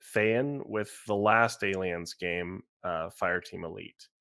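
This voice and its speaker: A man co-hosting a podcast, asking relaxed questions with a few hesitations. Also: low voice, takes it slowly, gravelly. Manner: relaxed, asks questions with uhs. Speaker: podcast co-host. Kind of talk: casual podcast interview.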